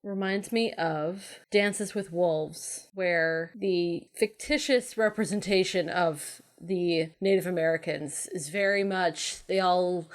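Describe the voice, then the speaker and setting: A woman co-hosting a movie podcast, chatting casually with a wry, measured manner. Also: on the low side. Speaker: podcast co-host.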